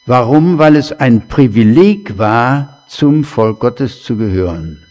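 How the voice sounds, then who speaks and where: A man preaching a sermon in a slow, conversational way, with chatty asides to the congregation. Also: mid-range voice, animated, a little mellow. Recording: long hall reverb.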